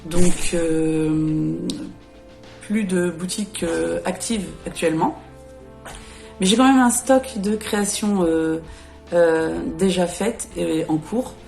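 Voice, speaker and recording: A woman's voice: lowish voice, slow pace, vocal fry, darkish tone, faint music behind. A woman in her late thirties introducing herself and her channel in a casual vlog, hesitant, with many fillers and self-corrections. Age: 30s. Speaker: YouTuber presenting her channel. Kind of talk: casual vlog talk to camera.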